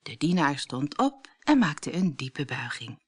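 A woman narrating a fairy tale as a storybook read-aloud, expressive and lively. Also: sits low, a little slow, husky.

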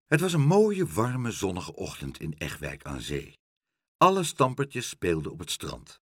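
A man reading a children's storybook aloud in a very expressive, sing-song way. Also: deep voice, a little slow, husky, no echo. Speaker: narrator.

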